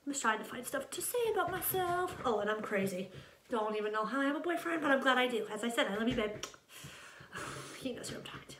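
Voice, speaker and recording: Fairly high-pitched, expressive and fairly bright, she talks fast over slight background noise. The nineteen-year-old channel host from Ohio, United States, rambles to camera as she introduces herself, interrupting herself often, in a small home room whose untreated acoustics echo.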